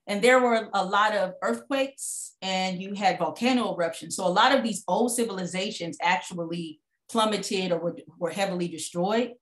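A woman giving a lively guest talk on a video call, telling stories with laughs and asides. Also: mid-range voice, echoey room. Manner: animated storytelling with laughs and asides. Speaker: guest speaker.

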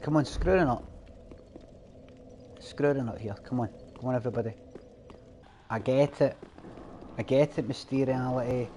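A man livestreaming a game, answering his chat in a dry, deadpan voice that keeps slipping into mock exasperation. His talk is full of swearing. His pitch sits in the middle, and a faint hiss runs underneath. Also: normal speed, long pauses. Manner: addresses chat readers directly, swears freely. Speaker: game streamer. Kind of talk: live stream chat while gaming.

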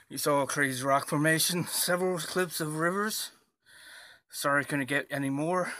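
A man's voice: on the high side, sharp tone. A man hosting a casual walk vlog outdoors, chatty and plain-spoken, out of breath. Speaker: vlog host.

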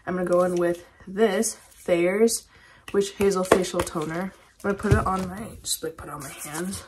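A young woman chatting casually through a get-ready-with-me vlog at home, laughing often and slipping into soft whispers. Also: on the low side, fairly even intonation, moderate pace, very noisy. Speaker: beauty vlogger.

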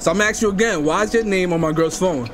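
This young man's voice sits high and races along over music. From an indoor streaming room at home, he makes prank phone calls on a headset, pushy, demanding and loaded with street slang.

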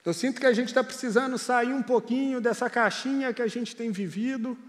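A man's voice: extremely high pitch, brisk, in a large hall. A male pastor preaching a sermon in an earnest, conversational storytelling manner.

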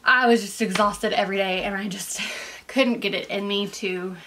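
A young woman talks straight to camera in a casual vlog, her voice bright and a little sharp. She is out of breath and stuffed up from sinus allergies, and she rambles on with plenty of "like" fillers. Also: mid-range voice, fairly even intonation, normal speed, slight background noise. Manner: chatty and rambling, full of "like" fillers. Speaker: vlogger. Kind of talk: casual pregnancy update vlog.

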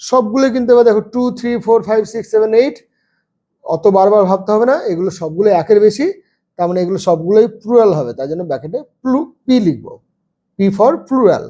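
A man teaching a first-grade English lesson, spelling words out slowly letter by letter. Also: high-pitched, lively intonation, warm tone.

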